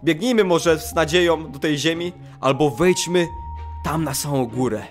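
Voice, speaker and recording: A man's voice: a little high, normal speed, soft background music. A man giving theatrical game commentary, self-pitying and talking straight to his viewers. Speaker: gaming video creator.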